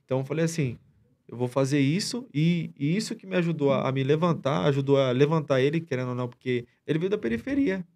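A man's voice: on the high side, animated, fast, a little mellow. A man as a podcast guest, retelling a story in a rambling, slangy way with many restarts. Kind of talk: casual storytelling chat.

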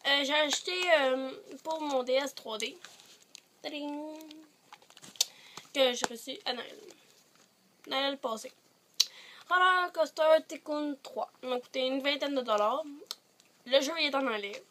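A teenage girl with a Quebec French accent chats to her device camera from close range while sitting on her bed, vlogging in a rambling way full of hesitations. Her high, fairly bright voice moves a little slowly with frequent pauses, and she sounds slightly congested from a cold. There's slight background noise.

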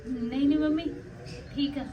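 A woman's voice: high voice, steady tone, moderate pace, recorded from a distance, lo-fi sound, background noise, natural voice. A young actress playing a worried newlywed Punjabi woman who confides her troubles. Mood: troubled.

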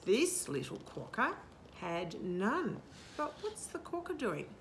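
An older woman, a children's storytime host, reads a picture book slowly and animatedly to young kids on an outdoor garden patio. Her voice is on the high side and sing-song, and she asks the listener questions. Background noise comes through the camera a short distance away.

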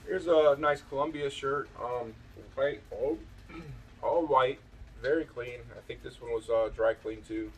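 A man's voice: medium pitch, unhurried, far from the mic. A man in a mid-range voice rambles through a casual show-and-tell, full of fillers and restarts. He sits out on a back porch at night, a little back from the mic. A faint outdoor hum sits underneath. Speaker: thrift reseller showing his finds.

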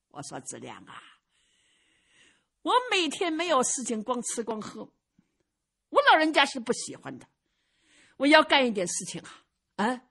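A woman's voice: sits high, bright, forceful tone, slightly rough, full character voice. A woman voicing an eccentric, playful old male swordsman who rambles and jokes. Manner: rambling, jokey, drawls old-fashioned phrases.

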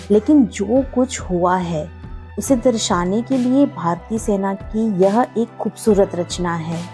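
A woman's voice: medium pitch, dark tone. Woman narrating a solemn travel voice-over. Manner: formal, reverent, addresses viewers as friends.

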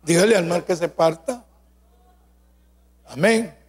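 A man preaching a sermon at a convention, fervent and storytelling, calling out to his listeners and at times bursting into shouts. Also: high-pitched, slow pace, breathy edge. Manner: fervent, tells healing stories, calls out "amén" and "hermano". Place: large hall at a preaching convention. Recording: long hall reverb.

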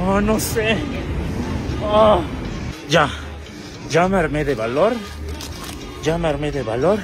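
A man with a Mexican accent voicing a nervous, clueless young woman shopping, sighing and whining anxiously, in a comedy sketch, with music in the background. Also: sits high. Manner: anxious whiny sighing, self-mocking.

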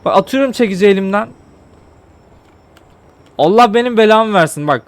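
A man's voice: high voice, animated, normal speed, no echo. A man giving casual gameplay commentary, pleading and apologizing to a game character. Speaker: gameplay streamer.

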